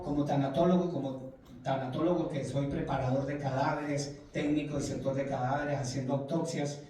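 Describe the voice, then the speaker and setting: A man's voice: medium pitch, mellow. A man preaching a Bible study, telling his testimony with emotion and repeating phrases for emphasis. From Colombia. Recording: very echoey room, mic far off.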